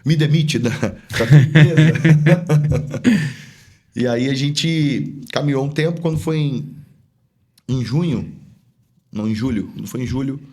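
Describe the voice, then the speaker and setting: Man, pastor, podcast guest, mid-pitched voice, casual earnest storytelling. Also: darkish tone. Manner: earnest, chatty storytelling that acts out remembered dialogue.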